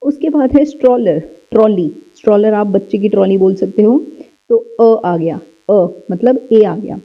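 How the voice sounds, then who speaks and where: A woman's voice: mid-range voice, smooth. Patient woman teaching small kids. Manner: patient, repeats words slowly, asks and answers own questions. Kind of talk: worksheet lesson for young children. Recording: slightly dull, lo-fi audio.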